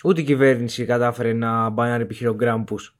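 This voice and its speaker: A man co-hosting a podcast in casual chat, with a middle-pitched, ordinary voice. He tosses in jokes and short remarks while the others talk. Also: fairly even intonation. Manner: joking, interjecting. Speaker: podcast co-host.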